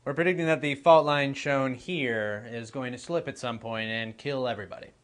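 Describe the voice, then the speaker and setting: A blunt, slightly baffled scientist, played by a man speaks to a spoof documentary. The voice sits at an average pitch. Everything comes out flat-faced and matter-of-fact. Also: normal speed, close to an everyday voice. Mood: deadpan. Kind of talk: mock documentary interview.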